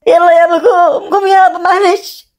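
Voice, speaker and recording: Woman doing a crying egyptian cartoon girl begging her dad to wake up, really high and quick. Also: level tone, a little mellow. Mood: grieving. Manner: sobbing, pleading. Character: grief-stricken young daughter at her father's side.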